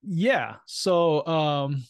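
A man's voice: a little high, expressive, drawn-out words, smooth. A man in his thirties from Taiwan, a real estate investor speaking as a guest in a casual interview, reflective and often checking in with "right?". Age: 30s.

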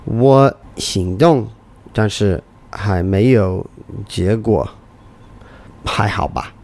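A man, a native English speaker, speaking non-native Mandarin with a foreign accent in a lazy, halting drawl during a casual chat. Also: on the low side, a little mellow.

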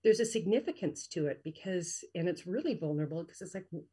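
A woman in her fifties, a guest who coaches women in transition, chatting casually and telling animated stories that act out the voices of the people in them. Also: on the low side, fast talker, husky. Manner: animated storyteller, acts out quoted voices. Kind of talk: casual conversation.

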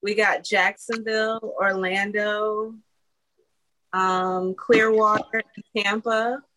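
A woman's voice: mid-range voice, flat delivery, slow, pushed and bright, no echo, poor audio. Woman reading off podcast stats. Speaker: podcast co-host reading analytics. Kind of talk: casual podcast chat.

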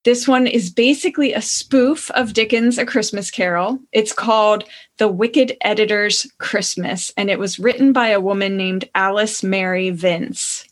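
A woman's voice: mid-range voice, a little slow. A woman co-hosting a podcast, casually and cheerfully retelling a story and reading from it. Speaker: podcast co-host.

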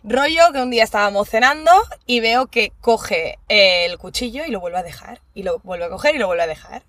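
A young woman, a podcast guest telling stories in animated, laughing casual chat. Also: medium pitch, brisk, no room sound. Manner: animated storyteller, laughs often.

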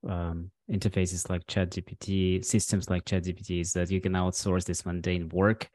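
A man hosting a podcast and asking questions over a video call, measured and searching for words. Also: low voice, flat delivery, darkish tone, no room sound. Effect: heard over a video call. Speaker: podcast host. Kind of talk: interview questions.

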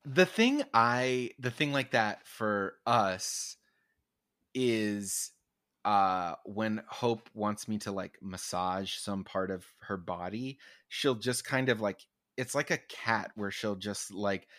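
A man's voice: on the low side, takes it slowly, fairly bright tone, dry recording, studio quality. A man co-hosting a comedy podcast, talking casually with lots of restarts and playful mock quotes of his own thoughts. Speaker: podcast co-host. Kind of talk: casual chat.

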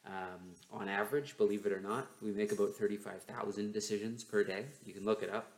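Hosting his own laid-back podcast alone, this man speaks briskly in a steady, lowish voice. A sore, numb jaw makes his diction slightly stiff. His new microphone, used instead of the laptop mic, gives a roomy, echoey home sound.

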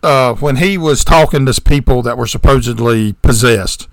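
Gravelly rambling podcast storyteller man. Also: medium pitch, moderate pace, no room sound, studio quality. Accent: Southern American. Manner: rambling storyteller with digressions and sarcastic asides. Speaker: podcast co-host. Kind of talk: casual chat, retelling a movie plot.

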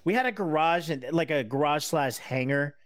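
Halting man in his thirties. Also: fairly high pitch, animated, no room sound, clean studio sound. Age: 30s. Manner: rambling, halting, many fillers and restarts. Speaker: guest. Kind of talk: casual conversation.

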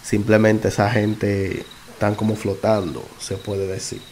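A man telling his own experience in a casual, halting way, often stopping to correct himself. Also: lowish voice, level tone, a little mellow, a little hiss or hum. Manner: halting, self-correcting, conversational. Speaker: podcast narrator. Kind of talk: casual first-person storytelling.

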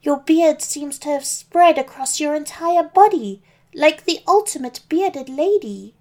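A woman voicing a cheerful, innocent young girl who asks bright, curious questions. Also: high-pitched, expressive, measured pace, pitched above the performer's own voice. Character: cheerful sweet young girl, Little Red.

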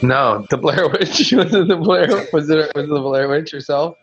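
A man's voice: on the high side, normal speed, a little hiss or hum. A man as a podcast guest, chatting casually in a hesitant, unsure manner, recorded with dull lo-fi sound. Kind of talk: casual chat.

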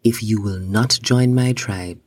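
Guy doing a proud old chief in a kids' story, low husky voice, slow and bossy. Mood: stern.

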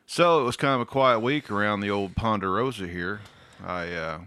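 A man's voice: on the low side, normal speed, pushed and bright, smooth, no echo. A man hosting a podcast, reading out listener calls in a loose, joking way and swearing freely. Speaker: podcast host. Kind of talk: casual podcast chat.

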